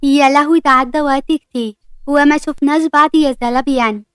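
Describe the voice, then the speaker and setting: A woman's voice: high voice, steady tone, fairly quick, dry recording, studio quality, lightly acted. A woman with an Egyptian accent voicing a snide teenage girl who mocks sarcastically. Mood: sarcastic. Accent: Egyptian Arabic. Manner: sarcastic, mocking.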